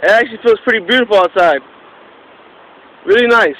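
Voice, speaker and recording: A man's voice: high-pitched, a little fast, fairly bright tone, low-quality recording. A man giving a casual, off-the-cuff field weather report outdoors, speaking in short clipped phrases. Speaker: amateur storm reporter. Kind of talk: mock live weather report. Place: outdoors in a breeze. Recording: windy outdoor recording with mic noise.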